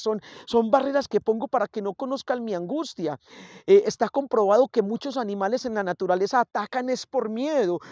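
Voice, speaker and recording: A man's voice: high-pitched, darkish tone, no echo. Male priest, reflective homily delivery, close dry recording. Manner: reflective, builds points through lists and repetition. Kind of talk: sermon.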